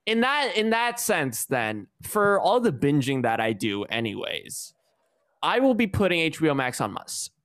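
A man's voice: on the high side, big pitch swings, normal speed, fairly bright tone. Rambling young man hosting a stream. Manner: rambling, filler-heavy, many restarts. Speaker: stream host. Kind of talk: casual chat. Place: room at home.

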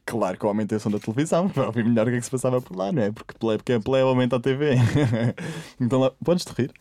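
Brief: young male co-host, rapid storytelling, dry studio. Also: mid-range voice, dark tone, no room sound. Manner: gossipy storyteller, acts out quotes. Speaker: podcast co-host. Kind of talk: casual chat.

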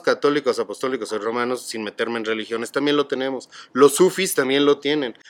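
Calm Mexican man explaining grief. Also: mid-range voice. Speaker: guest speaker on grief. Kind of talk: reflective conversation.

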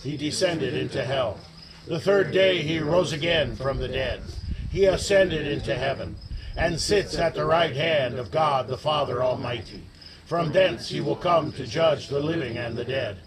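A congregation reciting a creed and prayer together in a steady unison chant. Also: mid-range voice, a little slow, a crowd in the background, low-quality recording.

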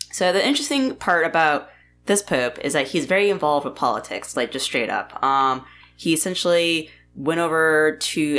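Woman podcast co-host, quite low voice, loose chatty storytelling, swears freely. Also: fairly bright tone. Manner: rambling, lots of "like" and swearing. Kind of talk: casual history podcast chat.

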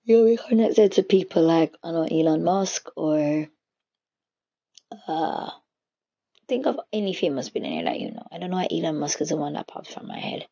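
A woman's voice: deep voice, big pitch swings, normal speed, gravelly, mellow, husky. A woman giving a casual spiritual teaching, reflective and searching for her words as she goes. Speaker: faith teacher. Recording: dull lo-fi recording.

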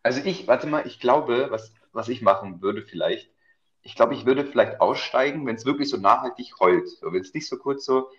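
A man's voice: medium pitch, normal speed. Joking podcast man, dull recording. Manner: joking, hesitant with many fillers. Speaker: podcast co-host. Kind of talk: casual podcast chat.

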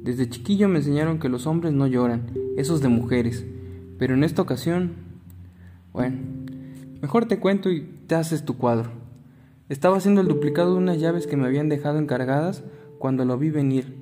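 A man's voice: on the high side, normal speed. Older mexican guy spinning a yarn, chatty and earthy, guitar playing behind. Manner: folksy, chatty, earthy asides. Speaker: storyteller, key cutter. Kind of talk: spoken storytelling to a listener.

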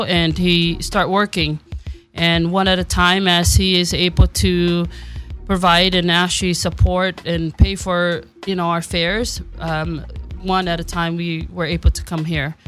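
A woman, grown up in Samoa, telling her story as a guest on a radio talk show in a soft, measured way. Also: on the low side. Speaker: guest entrepreneur.

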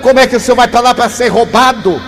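A man's voice: very high-pitched, fast talker, fairly bright tone, voice pushed up. An older man voicing a reformed ex-robber, speaking earnestly and insistently during a spiritist talk in a reverberant hall. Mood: worried. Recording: reverberant hall, faint noise.

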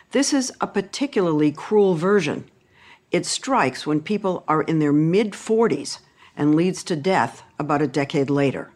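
A woman narrates a television news report in a slightly low voice. She reads the script in a measured, grave way. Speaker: news correspondent.

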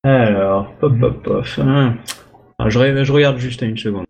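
A man's voice: medium pitch, normal speed, creaky, darkish tone, muffled recording. Hesitant man running a tabletop game. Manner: hesitant, lots of filler sounds, makes little sound effects. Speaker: game master.

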